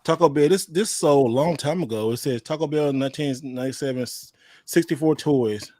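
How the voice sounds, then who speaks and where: A man hosting a gaming podcast, reacting with animated exclamations in casual chat. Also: fairly high pitch, brisk, no echo, studio quality. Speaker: podcast host.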